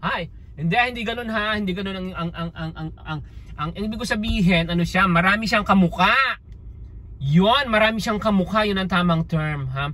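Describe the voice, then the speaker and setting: A man vlogging casually as he walks outdoors on a street. He talks theatrically in exclamations and keeps tossing in questioning asides, and his voice is hoarse. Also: high-pitched, fairly quick, bright, forceful tone. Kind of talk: casual street vlog chatter.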